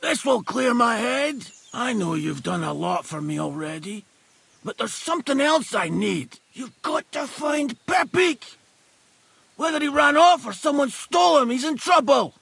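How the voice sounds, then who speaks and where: A man's voice: high voice, big pitch swings, a little slow, a bit bright, no echo, heavily acted. An actor playing an injured, blunt woodsman who is short of breath and barks orders in a video game. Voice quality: gravelly, raspy.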